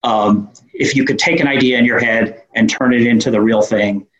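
A man with a New York accent talks like an interview guest who runs a business. His delivery is informal and explanatory, at a middling pitch. The recording has a clearly echoey room sound. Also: steady tone, normal speed, a bit bright. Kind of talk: conversational interview answers.

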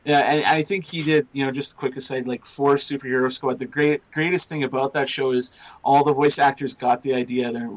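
A man's voice: mid-range voice, steady tone, brisk, rough recording. A man co-hosting a casual podcast chat, rambling and restarting his sentences. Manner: rambling, restarts often, laughs while describing. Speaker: podcast co-host. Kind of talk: casual chat reviewing a cartoon series.

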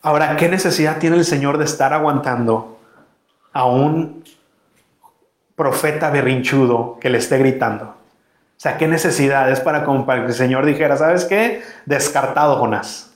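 A man's voice: medium pitch, steady tone, moderate pace, pauses often, reverberant. A man preaching a sermon as a pastor, talking conversationally and asking his congregation questions.

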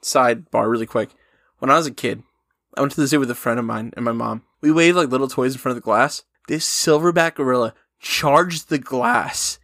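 A man's voice: medium pitch, a little fast, a bit bright, dry recording, clean studio sound. A young man co-hosting a casual podcast, laid-back and telling stories with a chuckle. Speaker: podcast co-host. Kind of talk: casual chat.

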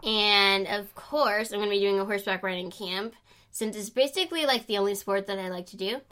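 A woman's voice: medium pitch, fairly quick, bright, forceful tone. A young teenage girl co-hosting a casual podcast, chatty and rambling, with fillers and giggles. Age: teens. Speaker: podcast co-host. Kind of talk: casual chat.

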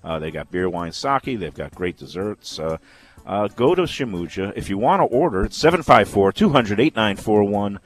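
A man with an American accent and a lowish voice talks on sports radio. His pitch swings widely as he rambles along with emphatic opinions. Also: expressive, moderate pace, no room sound. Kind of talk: animated casual sports talk radio chat.

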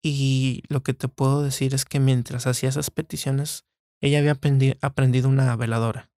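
A man recalling a family memory in a halting way, with many fillers. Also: medium pitch, level tone, dark tone, no echo, studio quality. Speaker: podcast guest. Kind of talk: personal recollection.

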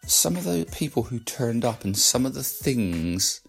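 Croaky-voiced man hosting a podcast. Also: medium pitch, big pitch swings, unhurried, faint music behind. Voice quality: croaky morning voice. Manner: conversational, rhetorical questions. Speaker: podcast host. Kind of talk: casual solo podcast talk.

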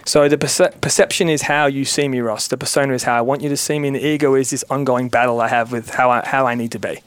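Male podcast guest, earnest motivational talker, middle pitch, dry close sound. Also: steady tone, fast talker, clean tone, no room sound. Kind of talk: casual chat.

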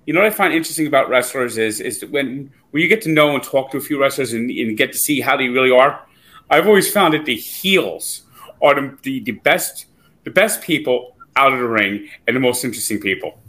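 A man's voice: mid-range voice, animated, a little fast, pushed and bright. A man co-hosting a podcast, asking questions and sharing opinions in casual interview chat. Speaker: podcast co-host.

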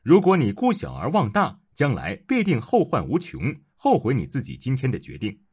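A man voicing a cunning, scheming court official who talks persuasively and insinuatingly, in a husky voice. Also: mid-range voice, wildly swooping pitch, moderate pace, a little mellow.

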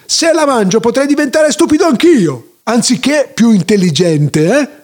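A man's voice: very high voice, expressive, normal speed, darkish tone, pitched above the performer's own voice. A man voicing a pompous, self-important elder who is the nearsighted chief sage of his village, deliberating aloud in a grand way.

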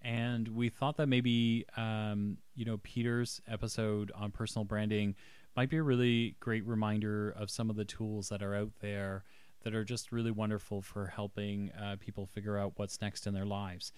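A man hosting a podcast in a casual, hesitant way, often pausing as he finds his words. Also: fairly low pitch, flat delivery, a little mellow, clean tone, dry recording. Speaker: podcast host.

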